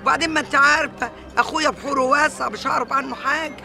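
A gravelly, nosy working-class sister. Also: female voice, high-pitched, fairly even intonation, very fast, over music, a crowd in the background. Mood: pleading. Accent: Egyptian.

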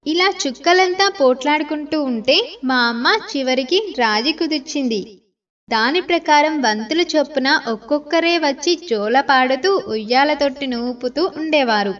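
A woman narrating a bedtime story in an expressive, lively storytelling manner. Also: high-pitched, normal speed. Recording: slightly distant, dull lo-fi sound.

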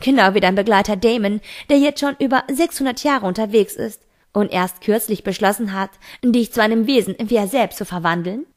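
A woman's voice: medium pitch, fairly quick, natural voice. A woman voicing a teenage boy who insistently questions a close friend, in an amateur audiobook reading. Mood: pointed.

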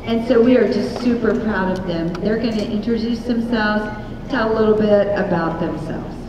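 Choir director announcing in a big echoey hall. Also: female voice, medium pitch, normal speed. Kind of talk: concert announcements. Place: school auditorium stage. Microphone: handheld mic, far camera. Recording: echoey hall from far off, audience noise.

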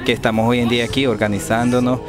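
A man speaking as a community spokesman in an outdoor street interview, earnest and quick, with restarts, into a handheld mic. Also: mid-range voice, flat delivery, music in the background. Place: outdoors at a rural community meeting. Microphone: handheld reporter mic.

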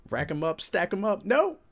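A livestream host chats casually with live viewers from an indoor room with a green screen. He's animated and colloquial, reacting to chat, with a voice that sits high and a pace a little slow.

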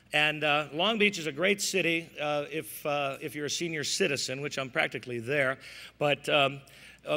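Older male American vaudeville comic, slightly high-pitched, folksy and wry, live stage sound with long reverb. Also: vocal fry, pushed and bright. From American Midwest, Chicago area. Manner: folksy, wry joking asides to the audience. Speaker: ukulele-playing comedian. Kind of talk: vaudeville stand-up comedy patter. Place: indoor stage at a live show. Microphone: stand microphone.

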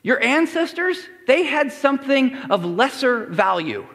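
A man's voice: very high-pitched, big pitch swings, unhurried, a bit bright. A man preaching a sermon as pastor, acting out the crowd and Jesus in quoted voices. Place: church sanctuary. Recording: reverberant church hall.

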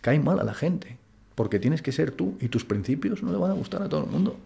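A man from Madrid, Spain, talks in a slightly high voice with vocal fry, a dark tone, big pitch swings, and a somewhat fast pace. As an interview guest in a casual chat, he is blunt and colloquial, full of "tío" and "macho."

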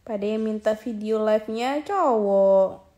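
Slow-talking young woman. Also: medium pitch, dark tone, lo-fi sound. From Aceh, Indonesia. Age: 20s. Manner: chatty, reads viewer comments aloud and coaxes viewers to join. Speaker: live streamer. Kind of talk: casual live-stream chat. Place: indoors, lying on a bed. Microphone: phone held at arm's length.

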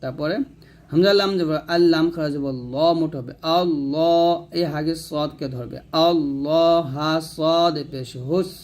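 A man teaching correct Quran recitation, spelling out letters and vowel marks and reciting each verse slowly. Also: a little high, steady tone, darkish tone. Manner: quick explanations between drawn-out recitations. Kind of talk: tajweed lesson with slow chanted recitation.

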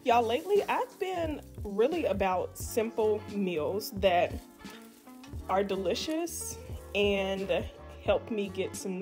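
A woman's voice: mid-range voice, darkish tone. A young woman in her twenties chatting casually to viewers while she cooks in her home kitchen, calling them y'all. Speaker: cooking vlogger. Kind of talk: casual cooking vlog chat. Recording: music bed under voice. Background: music and frying sizzle.

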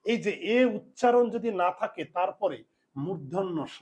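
A man's voice: sits high, lively intonation, normal speed, darkish tone, husky. A male language teacher giving a spelling lesson, repeating each rule and answering his own questions as he drills it.

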